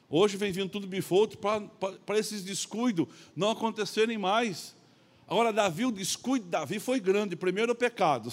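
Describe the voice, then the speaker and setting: A middle-aged man preaching a sermon in church, telling a story with lots of acted-out dialogue, swinging between loud and soft. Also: sits high. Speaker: pastor.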